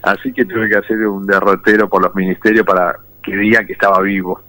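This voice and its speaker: Bright-voiced man in his fifties from Argentina. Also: fairly low pitch, level tone, low-quality recording. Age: 50s. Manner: reflective storytelling, unhurried. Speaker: war veteran interviewee. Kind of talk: personal testimony in an interview.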